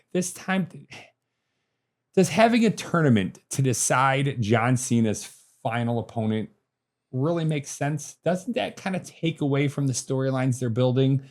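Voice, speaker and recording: A man's voice: mid-range voice, lively intonation, measured pace, a little mellow. Jokey man musing on wrestling storylines. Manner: jokey, repeats catchphrases, thinks aloud. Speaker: podcast co-host. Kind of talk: casual wrestling podcast chat.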